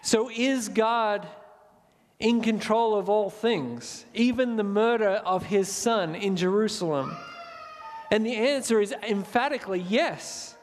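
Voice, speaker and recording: A man preaching a sermon, earnest and reading scripture slowly and gravely. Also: sits high, in a large hall. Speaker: pastor.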